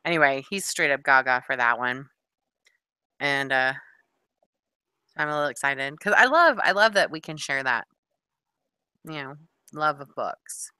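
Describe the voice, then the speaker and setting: Middle-aged woman rambling through a podcast chat, low voice but bright and crisp. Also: animated, unhurried, pauses often, dry recording. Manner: rambling, chatty storytelling with many asides. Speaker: podcast co-host. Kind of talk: casual chat.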